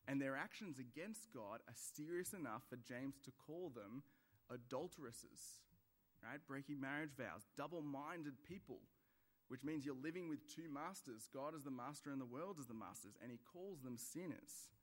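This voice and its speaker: A man's voice: medium pitch, expressive, normal speed. Man preaching a conversational sermon. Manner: conversational, with acted examples and questions. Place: church.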